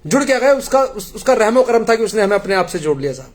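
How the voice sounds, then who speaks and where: A man's voice: sits high, very animated, fast. A middle-aged man from India earnestly pleading with a congregation, telling parables in a devotional appeal.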